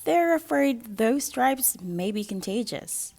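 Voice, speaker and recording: A woman voicing a firm, apologetic male school principal in a storybook, formal and measured. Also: on the high side, animated, creaky, a little mellow, voice pushed up, full character voice.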